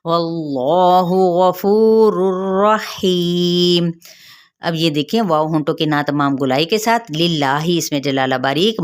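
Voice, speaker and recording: Woman, Quran recitation teacher, low-pitched voice, patient step-by-step explanations. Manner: explains step by step, checks with "theek hai?"; slow drawn-out chanting of verses. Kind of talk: tajweed lesson.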